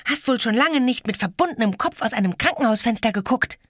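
A woman's voice: fairly high pitch, big pitch swings, moderate pace, fairly bright tone, slightly rough, no echo, clean studio sound, pitched above the performer's own voice, full character voice. A woman voicing a feisty little girl who answers back with pert, indignant scorn. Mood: gloating. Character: feisty little girl, proud and quick-tongued.

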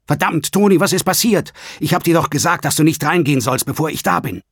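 Harried boss figure, raised and pressing, husky voice done by a male narrator. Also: medium pitch, expressive, brisk, no room sound, clean studio sound, voice pushed up. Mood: urgent. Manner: urgent, pressing. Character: harried male café boss at a crime scene.

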